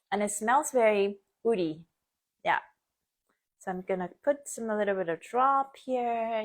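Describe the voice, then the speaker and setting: A woman born and raised in Japan, hosting a casual live stream, chatty with frequent laughs and many fillers. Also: medium pitch. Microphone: phone or webcam, live stream.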